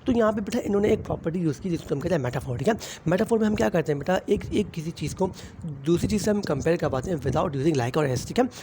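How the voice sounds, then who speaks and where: A man's voice: on the high side, lively intonation, fast talker, background noise. A young man with a Pakistani Urdu accent explaining a lesson to students, mixing in English terms and saying "theek hai" often. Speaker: teacher. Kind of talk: classroom explanation.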